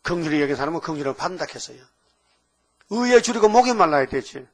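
An older male pastor delivers a sermon in a somewhat raised voice. He keeps firing rhetorical questions at his listeners and swings between low mutters and sudden loud, emphatic bursts. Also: animated, quick pace.

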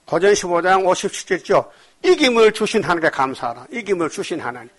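A male pastor preaching a sermon, emphatic, firing rhetorical questions at the congregation and swinging between loud exhortation and quiet asides. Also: high-pitched, expressive, fast.

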